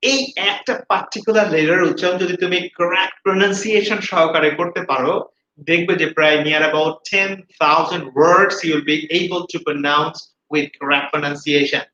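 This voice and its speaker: High bright guy teaching pronunciation, drills words over and over, roomy dull recording with a little hiss. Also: unhurried. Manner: energetic, repeats words for students to say after him. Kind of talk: classroom-style video lesson, mixing Bengali and English.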